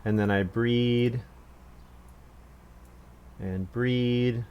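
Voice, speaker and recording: A man's voice: mid-range voice, steady tone, extremely slow, darkish tone, clean tone, highs cut off. Casual man narrating his board game turns. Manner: thinking aloud, self-mocking, chuckles at his own moves. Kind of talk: casual play commentary.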